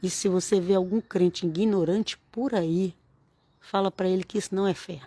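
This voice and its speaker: A woman's voice: fairly low pitch, fairly even intonation, moderate pace, mellow, no room sound. A woman, giving an informal, earnest sermon-style talk to camera and repeating phrases for emphasis. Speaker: religious vlogger.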